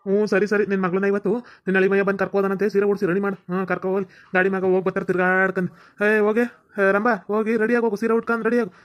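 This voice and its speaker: Flat, fast North Karnataka voice. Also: mid-range voice. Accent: North Karnataka Kannada. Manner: bossy, ordering others about. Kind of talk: cartoon comedy voice acting.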